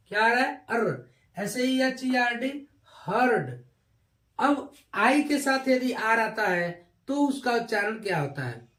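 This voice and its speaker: Slow, methodical male English teacher. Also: very high-pitched, fairly bright tone. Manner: spells out words letter by letter and repeats his own questions. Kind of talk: spoken English lesson. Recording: echoey room.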